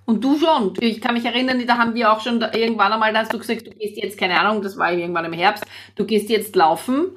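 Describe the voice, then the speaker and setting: A woman's voice: on the high side, fairly even intonation, fast, hardly any pauses, a bit bright, slight background noise. A middle-aged woman, a singer, chatting casually and explaining things at length, often repeating words as she thinks. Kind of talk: casual chat.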